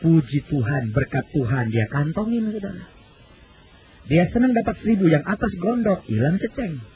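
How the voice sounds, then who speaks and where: Male pastor telling a story from the pulpit, high voice, swings up and down, thin phone-like sound. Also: very animated, moderate pace, slight background noise. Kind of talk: sermon storytelling.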